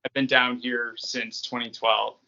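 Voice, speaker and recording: Rambling easily as an interview guest, an American podcast creator from New England talks in an unhurried, flat way. His mid-range voice is creaky and sharp, heard through a muffled recording with slight background noise.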